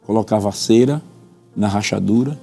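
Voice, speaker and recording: A Brazilian pastor, a man, lays out his teaching on a religious panel show with a deep, mellow, gravelly voice. He is earnest and methodical, quotes scripture, and circles back to repeat his points. Soft music plays faintly behind him. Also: moderate pace. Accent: Brazilian Portuguese.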